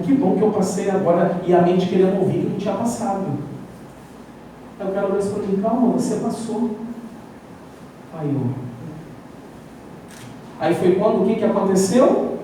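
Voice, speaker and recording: A man with a Brazilian Portuguese accent preaching a sermon and telling lively personal stories, acting out his own doubts. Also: sits high, fairly quick, slight background noise. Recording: echoey hall, mic far off.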